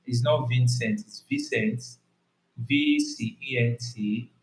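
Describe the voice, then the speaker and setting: A man from Nigeria speaks in English with a strong Yoruba accent. He tells stories in a relaxed, animated way during a couple's Q&A chat. His voice sits at a middle pitch and rings in a roomy space. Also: slow pace. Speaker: co-host of couple channel.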